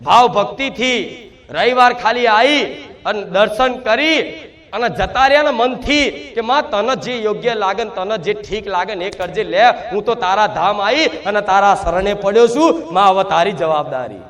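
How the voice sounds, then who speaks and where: A man's voice: high voice, normal speed, a bit bright. A man preaching a sermon to devotees, speaking in first person as the mother goddess and repeating fervent rhetorical questions.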